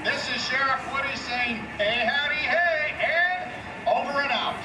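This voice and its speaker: Folksy cowboy toy sheriff talking over a walkie-talkie, kinda high, booming out of outdoor speakers with loud noise around. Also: male voice, measured pace. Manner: folksy cowboy drawl, kindly and bossy. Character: friendly cowboy toy sheriff, easygoing male. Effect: heard over a walkie-talkie, played on park speakers. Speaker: prerecorded character voice in a live show. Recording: echoey outdoor loudspeaker from far off, loud ambient noise.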